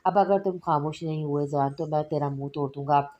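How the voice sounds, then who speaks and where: A woman's voice: deep voice, fairly quick, dark tone, muffled recording, natural voice. Woman doing an exasperated young man. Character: irritated young man, easily teased.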